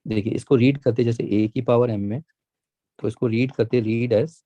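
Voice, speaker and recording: A patient male math teacher explains step by step in a mellow, dark voice. He repeats each point and draws the key words out slowly. The sound is dry and close. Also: medium pitch, steady tone, dry recording, lo-fi sound. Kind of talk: classroom lesson, mixing Hindi and English.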